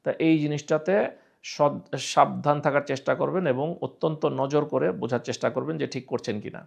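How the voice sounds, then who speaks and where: A man from Bangladesh teaching Quran recitation, explaining pronunciation and repeating sounds slowly as drills, asking and answering his own questions. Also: mid-range voice, fairly even intonation, creaky.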